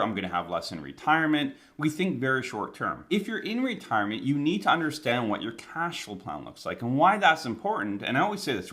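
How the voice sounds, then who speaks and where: A man's voice: medium pitch, a bit bright. A Canadian man giving conversational financial advice to camera, his speech slightly impeded by a numb, swollen mouth after oral surgery. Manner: emphatic, conversational, repeats key phrases. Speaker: financial planner hosting an advice channel.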